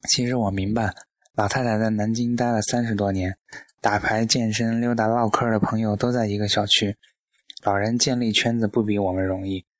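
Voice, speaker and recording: A man's voice: lowish voice, steady tone, moderate pace, dry recording. A man narrating an audiobook in a wry, humorous storytelling manner.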